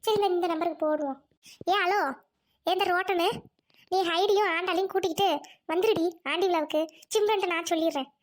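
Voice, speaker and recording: Woman as an excited scolding mother, very high voice, chattering, comic skit. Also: a little fast. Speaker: content creator.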